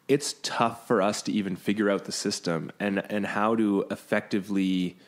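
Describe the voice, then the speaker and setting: A man, a beach volleyball player, chatting on a podcast in a quick, self-correcting way. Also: lowish voice, fairly even intonation. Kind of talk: casual chat.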